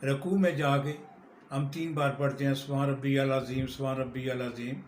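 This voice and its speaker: A man giving a religious lesson on prayer, explaining plainly and then reciting slowly and melodically. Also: medium pitch, flat delivery, reverberant, a little hiss or hum, poor audio. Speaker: religious teacher.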